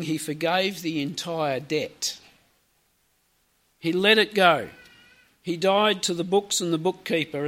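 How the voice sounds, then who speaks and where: High-voiced preacher telling a story. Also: male voice, fairly bright tone. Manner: storytelling preacher, conversational asides. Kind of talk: sermon.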